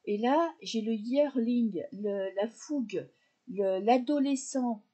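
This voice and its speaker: A woman's voice: on the high side, slow, warm tone, breathy edge. A woman doing a casual tarot reading, talking straight to her viewers in a chatty way with frequent fillers. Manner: chatty, addresses viewers directly, many fillers. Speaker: tarot reader.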